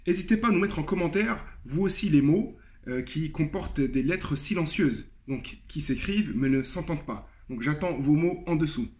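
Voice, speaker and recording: A man with a fairly high voice teaches a lesson, walking through each point step by step. He slows down to repeat example words carefully and fills the pauses with hesitations. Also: animated, a little mellow. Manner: explains step by step, repeats example words slowly, frequent fillers. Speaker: Arabic teacher. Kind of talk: video lesson.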